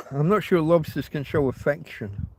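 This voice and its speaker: A livestream host chats loosely and meanderingly with his viewers, often restarting sentences and giving a slight cough from a throat tickle. His voice is fairly high and darkish, swooping wildly in pitch, and a little slow. There's a little hiss or hum.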